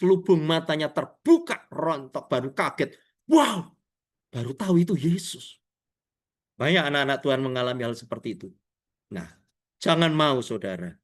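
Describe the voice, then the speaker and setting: A man preaching a sermon over a video call, animated, swinging from low asides to loud exclamations and addressing listeners as brothers and sisters. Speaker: evangelist preacher.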